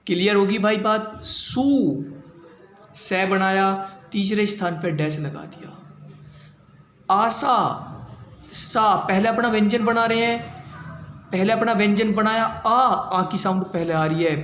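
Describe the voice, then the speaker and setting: A high-voiced man gives a shorthand lesson, walking through each step slowly and often checking that his students follow. He sounds casual and patient. The room echoes, and a faint background noise sits under his voice. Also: fairly bright tone. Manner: repeats points, keeps asking if it is clear. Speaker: shorthand teacher.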